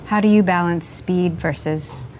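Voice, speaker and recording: Woman interviewer, lower pitch, curious and conversational, faint noise. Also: measured pace. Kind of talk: interview questions.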